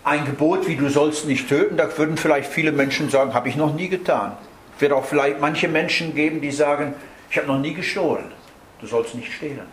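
A man's voice: fairly high pitch, brisk, slight background noise. A man giving a Bible teaching sermon in German, explaining verse by verse and checking in with his listeners. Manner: explanatory, adds tag questions "nicht?". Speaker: preacher. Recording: roomy hall with faint ambience.

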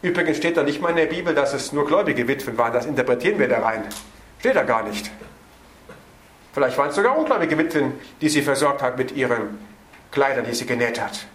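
A man preaching an evening sermon on a Bible passage. He stresses words by slowing down and hurries through his asides. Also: mid-range voice, expressive, a bit bright, echoey room.

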